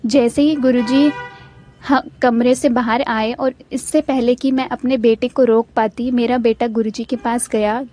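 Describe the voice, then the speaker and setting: Soft-toned woman reading devotional testimony. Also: on the high side. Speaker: devotional channel narrator.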